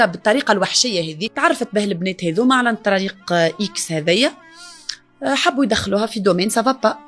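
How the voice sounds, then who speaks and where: A distraught woman with a Tunisian accent, talking as a grieving mother in an interview. Her words pour out fast at a middling pitch, pleading and wounded. Soft music sits faintly underneath. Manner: distraught, pleading, grief-stricken. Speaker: mother of the victim. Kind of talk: emotional interview.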